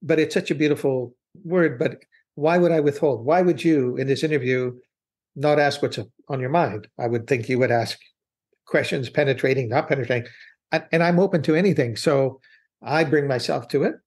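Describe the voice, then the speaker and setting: A man's voice: mid-range voice, moderate pace, a little mellow. A man as an interview guest, speaking earnestly and reflectively in long, winding answers with restarts. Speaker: business consultant guest. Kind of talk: interview conversation.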